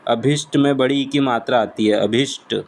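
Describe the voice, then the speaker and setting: A man teaching exam spelling, saying each word slowly and repeating it for his students. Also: medium pitch, steady tone, a little hiss or hum, rough recording. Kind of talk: slow spelling lesson.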